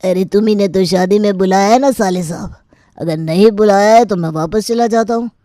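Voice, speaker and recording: A woman's voice: mid-range voice, normal speed, warm tone, dry recording, lightly acted. Woman doing a touchy, demanding cartoon uncle-in-law, bossy and huffy, plain dry read. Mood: grumpy. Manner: huffy, bossy, easily offended. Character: grumpy demanding middle-aged male uncle-in-law. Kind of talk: cartoon voice acting.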